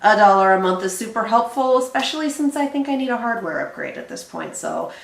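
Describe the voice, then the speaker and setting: A woman co-hosting a reaction show, chatting casually and thinking out loud with quick asides. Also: fairly high pitch, expressive, echoey room. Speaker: reaction channel co-host. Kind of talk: casual chat.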